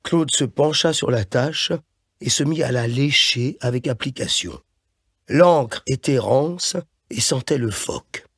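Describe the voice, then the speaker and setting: A man reading a novel aloud as an audiobook narrator, in measured scripted narration on a close studio mic. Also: medium pitch, a bit bright, slightly rough, no room sound.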